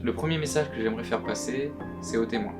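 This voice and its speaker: Disguised by a deeper pitch shift, the voice of a young anonymous witness answers questions in recorded testimony at a middling pitch. His manner is earnest and halting with frequent repeated words, and clear plucked guitar music sits under him.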